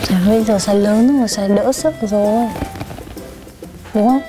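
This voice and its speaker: A woman's voice: mid-range voice, steady tone, normal speed, low-quality recording. A woman talking patiently with a young child, coaxing and reassuring. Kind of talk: gentle talk with a young child. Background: background music.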